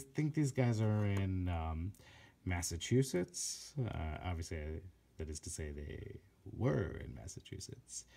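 Slow-talking guy showing off his collection, lots of uh and um, gushing and a bit low-voiced. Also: a little mellow. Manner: halting, many fillers and self-corrections; gushing, admiring. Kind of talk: casual unscripted vlog.

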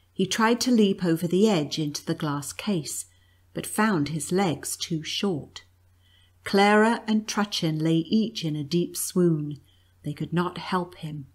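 A woman's voice: on the low side, breathy edge. A woman reading a classic storybook aloud, giving the quoted lines more expression. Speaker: storybook reader. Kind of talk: read-aloud storybook narration.

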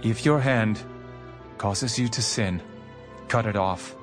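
Solemn, commanding Jesus in audio drama. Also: male voice, lowish voice, slow pace. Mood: earnest. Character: Jesus, a grave, commanding teacher and healer. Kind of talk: dramatized audio Bible acting. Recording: background music under the voice.

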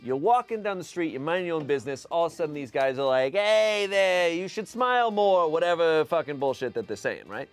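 A man improvising a comedy sales pitch on a live stream, rambling and excitable, swearing and breaking into laughter. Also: fast, hardly any pauses, faint music behind. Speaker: comedian pitching a fake product.

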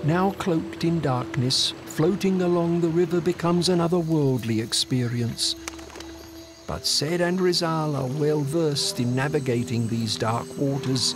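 A man reading scripted nature documentary narration in a measured storytelling manner. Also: a little high. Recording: music under the voice. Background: background music.

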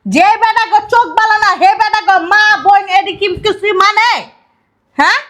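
An actress playing a sharp-tongued middle-aged stepmother who scolds sarcastically. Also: extremely high pitch. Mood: scolding. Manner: scolding, sarcastic, rapid retorts.

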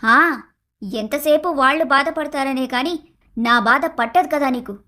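A woman voicing a shrill, demanding young wife. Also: measured pace. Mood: complaining. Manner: complaining, shouting, taunting. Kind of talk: animated cartoon story voice acting.

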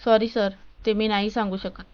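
A fearless young college woman, voiced by a storytelling woman, calm and unshaken as she speaks. Her tone is smooth and clear, though the recording sounds dull. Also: medium pitch, normal speed, close to an everyday voice. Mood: defiant. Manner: calm, defiant.

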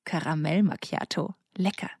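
A woman reading an audiobook in a soft, intimate narration that sometimes falls to a near whisper. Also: on the low side, fairly even intonation, normal speed, creaky, husky, no room sound, studio quality. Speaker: audiobook reader. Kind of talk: scripted narration.

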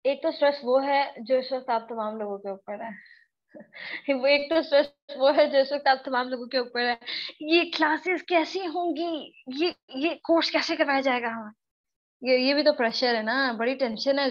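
A woman from Pakistan teaching a live online spoken English class, her voice hoarse and worn out, quizzing students and repeating her questions. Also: high voice, steady tone, muffled recording. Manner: questions students often, repeats herself, slow drawn-out example words.

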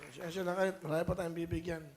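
A man's voice: on the high side, flat delivery, fast talker, gravelly, background noise. A man hosting a game show in casual, playful banter, teasing his guests and laughing often.

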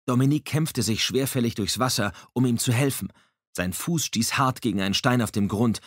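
A man reading an audiobook in a measured, dramatic storytelling manner on a close microphone. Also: medium pitch, no room sound. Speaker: audiobook narrator. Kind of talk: scripted audiobook narration.

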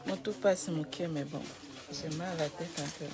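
A woman's voice: deep voice, steady tone, normal speed. A woman, casually vlogging while she picks up a gift at a money transfer agency and soothes a crying child. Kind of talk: casual self-filmed vlog. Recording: crowd chatter behind.

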